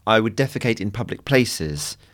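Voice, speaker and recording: A young man chatting casually as a podcast co-host, halting and repeating words, with a dry humour. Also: lowish voice, expressive, fairly bright tone. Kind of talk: casual chat.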